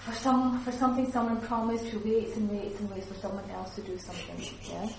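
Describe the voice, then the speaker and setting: A woman teacher trainer giving a lively workshop talk, acting out example speakers as she explains. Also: mid-range voice, a little fast, vocal fry, slight background noise. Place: training room. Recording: echoey room recorded from far off.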